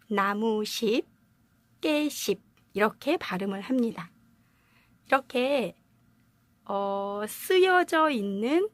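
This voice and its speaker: Woman teacher explaining pronunciation, kinda high voice, dry close sound, lots of questions to viewers. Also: dry recording. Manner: friendly, explanatory, asks rhetorical questions. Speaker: Korean language teacher. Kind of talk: video lesson to camera.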